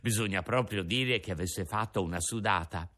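A man narrating a storybook in an expressive, animated way. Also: lowish voice, normal speed.

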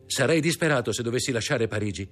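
A man voicing a sly, eager young male schemer in an audiobook, with a husky voice. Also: mid-range voice, lively intonation, fast talker, fairly bright tone, faint music behind, pitched above the performer's own voice.

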